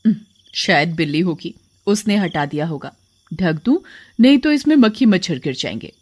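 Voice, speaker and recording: A practical village sister-in-law in a horror cartoon, voiced by a woman narrator. She talks in a calm, matter-of-fact way and soothes others. Her voice stays close to the narrator's own. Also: fairly low pitch, normal speed.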